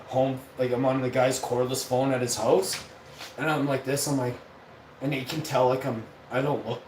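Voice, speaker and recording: A man in his forties telling a rambling, profane story in a casual vlog. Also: mid-range voice. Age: 40s. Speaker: vlogger host. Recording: roomy, distant mic, faint noise.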